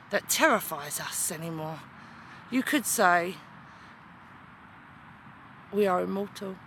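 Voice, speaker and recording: A woman's voice: medium pitch, fairly bright tone, slight background noise. A woman playing a menacing female demon wrestling champion, taunting her rival with evil laughs. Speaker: wrestling promo performer. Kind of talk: wrestling promo.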